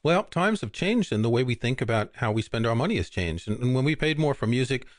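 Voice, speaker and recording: An older man co-hosting a podcast chats casually about music in a relaxed, rambling way, often restarting his sentences. His voice is medium-pitched and quick. The studio-quality recording has no room sound.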